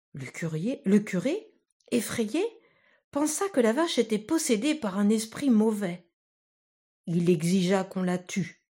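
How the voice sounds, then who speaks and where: Storyteller, woman, unhurried and husky, reading a children's tale. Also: medium pitch. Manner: slow, calm, measured storytelling. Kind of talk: fairy tale read aloud.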